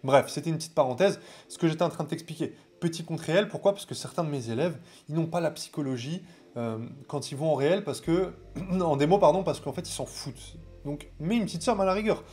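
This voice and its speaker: A man with a French accent coaching viewers on trading, talking casually and directly to the camera with animated, familiar asides. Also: on the high side.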